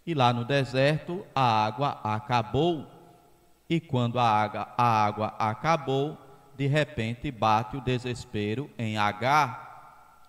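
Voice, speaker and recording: Brazilian northeast priest giving a homily, slow and emphatic, long church echo. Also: male voice, mid-range voice. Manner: slow and emphatic, swells loud on key phrases, folksy asides. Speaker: parish priest. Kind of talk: homily at mass. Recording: church hall reverb.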